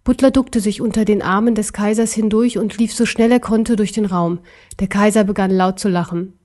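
A woman narrating a storybook in an expressive, dramatic way. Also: medium pitch, moderate pace. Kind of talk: storybook reading.

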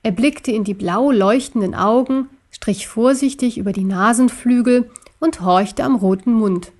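A woman narrating a children's story in a steady, measured reading voice. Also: fairly high pitch.

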